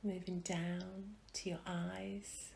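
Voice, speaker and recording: With a fairly low, creaky voice and a flat delivery, a woman soothingly guides a meditation. Her soft lines taper into whispers and are broken by long pauses, over slight background noise.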